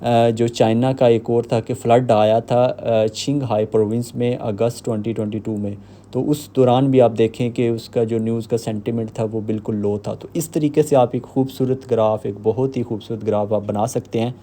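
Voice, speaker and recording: Man, tutorial host, monotone delivery, step-by-step explaining, filler pauses. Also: mid-range voice. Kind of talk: screen-recorded software walkthrough.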